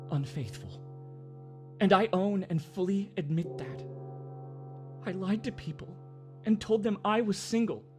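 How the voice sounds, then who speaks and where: An actor voicing a meek young man giving a soft, earnest apology. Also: on the high side, close to an everyday voice. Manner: soft, earnest, contrite reading.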